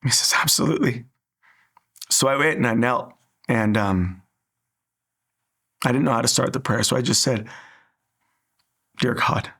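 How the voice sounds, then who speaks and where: A man's voice: mid-range voice, moderate pace, vocal fry, long pauses, a bit bright, husky. A man sharing an earnest personal faith story in an interview, acting out the dialogue as he tells it.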